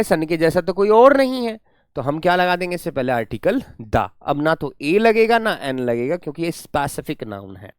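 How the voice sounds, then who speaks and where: Lively man teaching grammar. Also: a little high, smooth, no echo, clean studio sound. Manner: lively, coaxing, calls students "my friend" and "my child". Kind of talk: classroom lecture.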